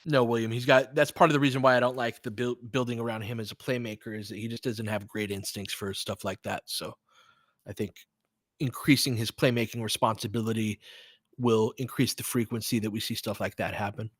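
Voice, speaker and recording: With a medium pitch, fairly even intonation, and brisk pace, an American host calls basketball on a fan play-by-play livestream, musing aloud and talking conversationally with his audience. The sound is studio quality with no room sound.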